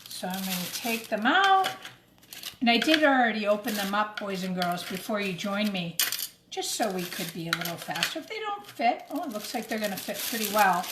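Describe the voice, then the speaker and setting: Speaking at normal speed with medium pitch and plenty of expression, a woman shows kids how to cook, one simple step at a time, addressing them directly. It's recorded indoors in a kitchen, with an echoey room and clattering noise.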